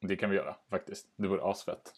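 A man co-hosts a podcast in loose, casual chat. His voice sits very low, and he laughs at his own mishaps and swears offhandedly. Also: fairly even intonation, darkish tone, breathy edge. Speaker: podcast co-host.

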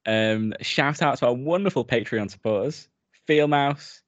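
A man's voice: mid-range voice, unhurried, no echo, muffled recording. A British man co-hosting a podcast in casual chat, laughing often as he wraps up the episode. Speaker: podcast co-host.

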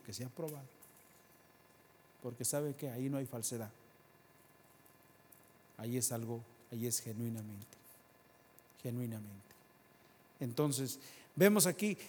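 A man delivering a sermon in a plain, middle-pitched voice, talking with the congregation and now and then pushing to loud, emphatic peaks. His words ring out with a long reverb, as in a large church hall. A faint noise sits under the recording. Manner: conversational preaching, rising to loud emphatic peaks, asks the congregation questions. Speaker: preacher.

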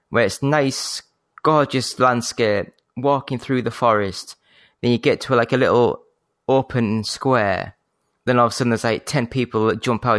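A Yorkshire-accented man hosts a laid-back gaming podcast, keeping his voice calm and courteous rather than loud. His voice sits at a middling pitch, recorded close and dry with no room sound. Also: dry recording. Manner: polite, measured phone-trained manner. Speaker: podcast host. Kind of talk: casual gaming podcast chat.

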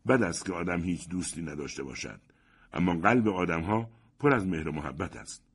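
A man voicing a kind blind old man in an audiobook, speaking softly and welcomingly. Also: low-pitched, breathy edge. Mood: comforting.

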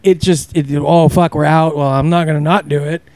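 A man's voice: a little high, steady tone, fairly quick, darkish tone, no room sound. A man co-hosting a podcast, blunt and jokey in crude banter, swearing a lot. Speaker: podcast co-host.

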